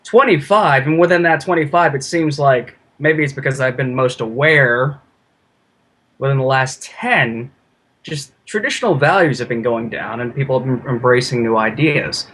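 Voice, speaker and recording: This podcast guest, a YouTuber, talks at a normal pace in a mid-range, fairly bright voice. His conversation is casual and informal, effusive and rambling, recorded with noisy ambient sound in the background.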